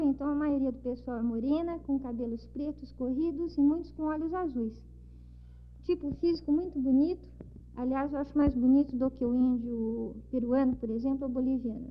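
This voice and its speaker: Interviewee, woman with São Paulo accent, high voice, lively storyteller, dull lo-fi audio. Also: a little hiss or hum. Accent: São Paulo Portuguese. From São Paulo, Brazil. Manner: lively storytelling, acts out dialogue. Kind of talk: recounting travel memories. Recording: dull lo-fi recording.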